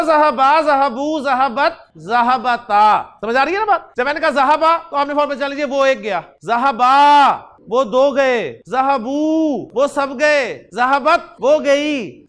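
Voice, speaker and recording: An Arabic grammar teacher, reciting verb conjugations aloud and quizzing the class with quick questions. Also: sits high, fairly bright tone.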